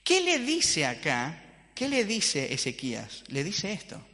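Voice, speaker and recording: A man's voice: fairly high pitch, slow. A man with a Rioplatense accent preaching a sermon as pastor, asking the congregation questions and joking with them. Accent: Rioplatense Spanish. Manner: lively preacher, rhetorical questions to the congregation, playful humor. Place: church hall. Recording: church hall with long reverb.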